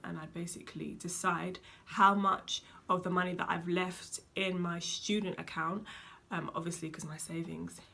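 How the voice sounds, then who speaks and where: A woman's voice: fairly low pitch, gravelly, fairly bright tone. A young woman, giving chatty, emphatic money advice to her viewers with casual slang. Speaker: vlogger. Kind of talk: casual advice talk to camera.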